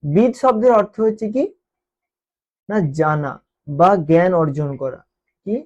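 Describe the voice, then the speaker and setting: A woman teacher explaining exam questions, repeating key terms and checking in with quick questions to students. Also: on the low side, lively intonation, a little mellow. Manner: repeats key terms and keeps asking "ঠিক আছে?". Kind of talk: exam-prep lesson explanation. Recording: dull lo-fi recording.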